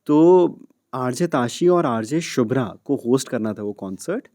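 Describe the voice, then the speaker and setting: A man being interviewed on a podcast, telling career stories in a lively way and switching freely between Hindi and English. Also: mid-range voice, a little slow, dry recording, studio quality. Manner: animated storyteller who acts out dialogue and sounds. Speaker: podcast guest, radio jockey. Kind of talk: casual interview storytelling.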